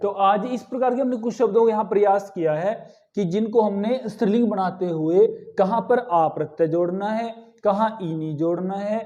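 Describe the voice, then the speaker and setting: A man teaching a grammar lesson, repeating each word slowly and asking the students questions before answering them himself. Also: high voice, warm tone, muffled recording.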